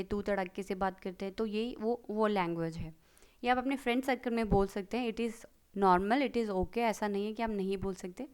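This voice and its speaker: A woman teaching German grammar in a video lesson, switching between Hindi and English and reading example sentences slowly. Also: mid-range voice, smooth.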